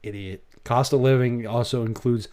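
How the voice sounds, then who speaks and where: A man's voice: on the low side, a little slow, mellow. A man with a Maine accent giving blunt, rambling reaction commentary as host of his channel.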